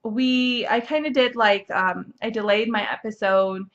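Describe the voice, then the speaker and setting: A woman's voice: on the high side, measured pace, fairly bright tone, highs cut off. A young woman hosting a casual knitting podcast, chatty and bubbly, with lots of fillers and restarts. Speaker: podcast host. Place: home, seated at a computer.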